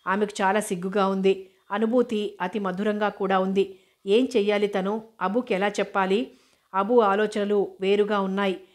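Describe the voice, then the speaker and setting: Woman narrating a novel in an even tone. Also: mid-range voice, moderate pace. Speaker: audiobook narrator. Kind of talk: novel reading.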